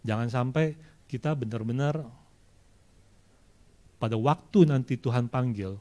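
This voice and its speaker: A male preacher delivering a casual, conversational sermon in a middle-pitched voice. He slips into everyday slang and acts out people's prayers and excuses in shifting voices. The sermon comes from a church service streamed online. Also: unhurried, mellow.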